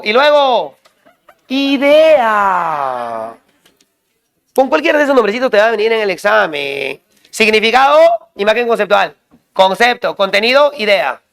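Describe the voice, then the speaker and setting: A male teacher drilling students with quick questions and repeated call-and-response prompts. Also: high voice, fairly bright tone. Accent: Peruvian Spanish. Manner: quizzing, repetitive call-and-response.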